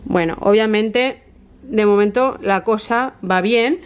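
A woman in her thirties with a Spain Spanish accent talks to camera in a chatty, excitable way. Her casual vlog is recorded as slightly dull home video. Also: mid-range voice, slow, slight background noise. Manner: chatty and excitable, often laughing. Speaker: vlogger.

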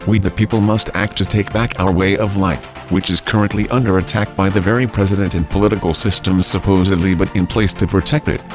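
Man, deep pitch, measured solemn narration, scripted message, music clearly behind. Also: fairly even intonation.

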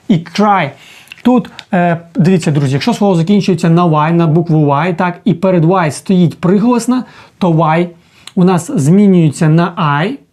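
A man teaching a casual video lesson as an English teacher, explaining slowly and often checking in with the listener. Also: high voice, warm tone.

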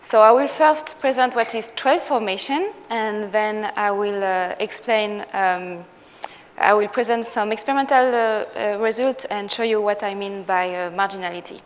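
A woman's voice: mid-range voice, moderate pace. A woman with a French accent giving a scientific conference talk, with many fillers and restarts. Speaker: conference speaker. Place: lecture hall. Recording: long hall reverb with faint noise.

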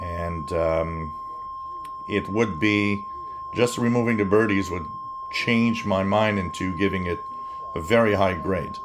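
A man giving a casual hands-on gadget demonstration as a reviewer, thinking aloud in halting short phrases. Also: on the low side, background noise. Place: indoors at a wooden table.

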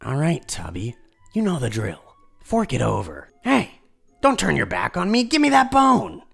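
Man acting a gruff raccoon bully in a cartoon. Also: on the high side, huge pitch swings, moderate pace, fairly bright tone, soft background music, full character voice. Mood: menacing. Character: pushy raccoon bully, cowed when pinned down.

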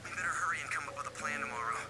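Brief: flustered teen boy in a game, frustrated, bright sharp tone. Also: fairly high pitch, very fast, slight background noise. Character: agitated, flustered teenage boy.

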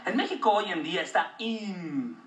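A man's voice: sits high, expressive, normal speed. A Mexican man doing a stand-up routine, crude, slangy and self-mocking. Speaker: stand-up comedian. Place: comedy stage before an audience. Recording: roomy club audio, distant mic, noisy.

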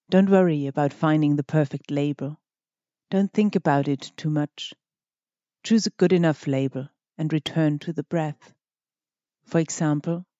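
The close, dry recording has a slightly dull quality as a meditation guide with a medium-pitched, mellow, relaxed voice gently leads the listener through each instruction. The pacing is measured, with deliberate pauses between brief phrases.

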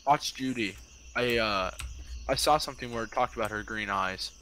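A man's voice: on the low side, normal speed, pushed and bright, a little hiss or hum. A young man, a scared and jumpy horror game streamer chatting casually with a friend as he plays. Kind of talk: casual gameplay commentary with a friend.

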